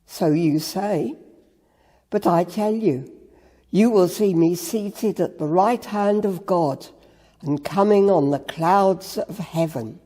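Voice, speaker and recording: Brief: reader as Jesus, a steady male prophet, husky and dark, long reverb. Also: mid-range voice, slow pace. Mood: solemn.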